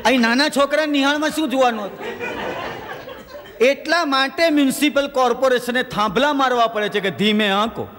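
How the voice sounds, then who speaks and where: A male stand-up comedian tells everyday anecdotes and slips into quick voices for the characters. His voice sits very high for a man. A long hall reverb trails behind every line. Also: crowd noise, noisy background. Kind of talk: stand-up joke telling in a stage show.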